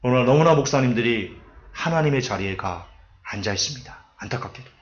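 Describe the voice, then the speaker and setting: A man's voice: mid-range voice, a little fast. A man preaching a sermon, telling stories and acting out quotes to make his points. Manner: lively storytelling with acted-out quotes and asides. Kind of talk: sermon lecture. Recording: dull lo-fi recording.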